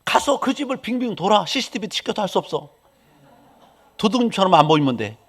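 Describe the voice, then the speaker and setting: A man's voice: sits high, very animated, brisk. A male pastor preaching a sermon, telling stories and acting out quoted prayers and dialogue.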